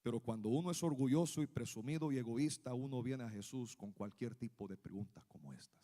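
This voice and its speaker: A man from Guatemala preaching a sermon as pastor, animated and speaking straight to his listeners as brothers. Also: medium pitch, brisk, in a large hall. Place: church sanctuary.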